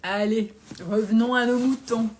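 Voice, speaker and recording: A woman's voice: on the high side, steady tone, moderate pace, a little mellow, slight background noise. Blunt woman in her forties. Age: 40s. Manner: blunt and outspoken, casual slang. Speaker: personal finance coach. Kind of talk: live stream Q&A, reading viewer comments.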